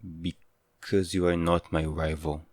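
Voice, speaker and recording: A man's voice: deep voice, level tone, takes it slowly, a little mellow, no echo, studio quality, heavily acted. A man playing an obsessive, hot-headed, possessive yandere lover with intense, pleading devotion in a dramatic audio role-play. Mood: intense, pained.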